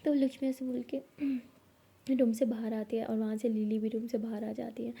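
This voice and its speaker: A young woman narrating a love story in a casual way, speaking the characters' lines herself and often dropping to a soft whisper. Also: on the high side, flat delivery, normal speed, vocal fry, husky. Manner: acts out both girls' lines in her own voice, often whispering softly.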